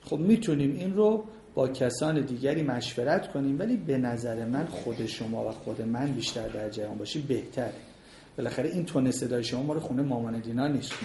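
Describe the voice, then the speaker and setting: A man's voice: medium pitch, warm tone, a little hiss or hum. Man lecturing on marriage in an echoey room. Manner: explains points by number, acts out sample dialogues between spouses. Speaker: marriage counselor teaching a class. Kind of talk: lecture with audience questions.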